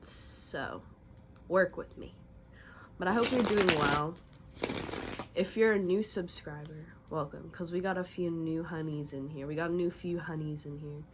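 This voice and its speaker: A woman's voice: low voice, moderate pace, noisy background. A young woman with a slight lisp, rambling casually through a tarot reading and swearing freely. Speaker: tarot reader. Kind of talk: casual chatty tarot vlog.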